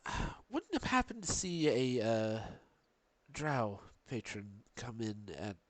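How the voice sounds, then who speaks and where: A man voicing a calm, slightly sly woman adventurer in improvised tabletop role-play, barely changing his own voice. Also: mid-range voice, takes it slowly, no room sound. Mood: sly polite. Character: smooth-talking woman adventurer on a secret errand.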